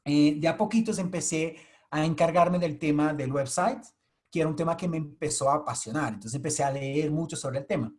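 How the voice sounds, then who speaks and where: Over a video call, a guest speaker delivers an explanatory webinar talk to an audience. He is a native Portuguese speaker in his thirties with a Portuguese accent, and his voice is a little high and brisk.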